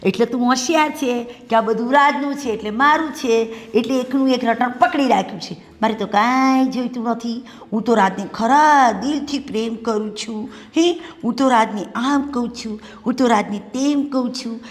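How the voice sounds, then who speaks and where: An actress playing a middle-aged paternal aunt who sneers at and threatens a poor new bride in a family drama. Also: female voice, on the high side, normal speed, hardly any pauses, big-room sound, lightly acted. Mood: sneering.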